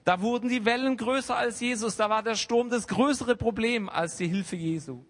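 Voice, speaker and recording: A man preaching a sermon in a church hall, swinging between hushed asides and loud, emphatic outbursts. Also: very high voice, normal speed. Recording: long hall reverb.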